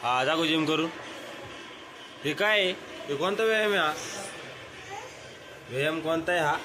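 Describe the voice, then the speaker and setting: Give me a coaxing man in a noisy home vlog. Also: moderate pace. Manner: coaxing and teasing a child, low aside to viewers. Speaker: vlogger. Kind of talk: casual family vlog. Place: family home indoors.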